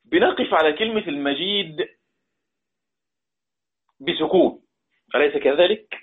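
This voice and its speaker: A man with an Egyptian accent explains a lesson patiently, with a slightly high, husky voice. He goes back over key words and asks his listeners to respond. The sound is thin and tinny, like a phone line. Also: measured pace. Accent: Egyptian Arabic. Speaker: Quran recitation teacher.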